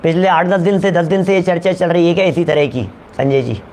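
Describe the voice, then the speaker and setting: High-voiced man teaching a class. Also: a little fast, darkish tone, slight background noise. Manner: repeats points, calls on listeners by name, asks "क्या?". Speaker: teacher of scripture. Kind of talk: lecture to a class.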